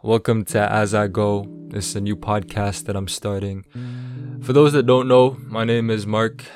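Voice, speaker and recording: A man's voice: lowish voice, steady tone, moderate pace, over music. An eighteen-year-old man, hosting a casual solo podcast intro in a slangy, rambling, self-aware way. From Toronto, Canada. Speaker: podcast host.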